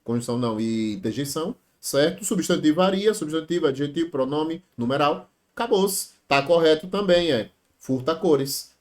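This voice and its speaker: A man with a Brazilian accent teaching a grammar review for exam prep, chatty and lively, peppering his explanation with rhetorical questions to the viewers. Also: fairly high pitch. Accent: Brazilian Portuguese.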